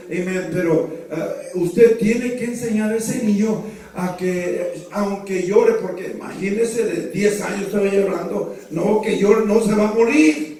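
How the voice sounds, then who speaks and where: A middle-aged pastor with a fairly high voice preaches a fervent sermon. He moves between Spanish and English and punctuates his points with amens. His voice rings through an echoing church hall, picked up from a distance. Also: warm tone.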